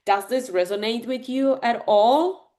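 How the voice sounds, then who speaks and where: A woman's voice: a little high, a little slow, a little mellow. A woman from the Republic, a fitness and nutrition coach giving a live online masterclass in a chatty, direct way, full of fillers, over a video call. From Czech Republic. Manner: chatty, addresses the audience directly with many fillers.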